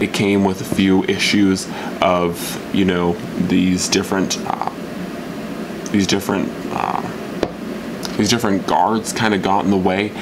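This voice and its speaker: An outdoor gear reviewer, a young man, casually talks through a knife review at an indoor workbench, rambling with fillers and restarts. His voice sits low and gravelly over a noisy background.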